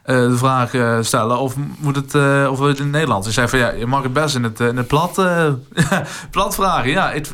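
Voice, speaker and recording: A man's voice: mid-range voice, a little fast, hardly any pauses, fairly bright tone. A young adult man hosting a casual interview, rambling and hesitant. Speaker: podcast host.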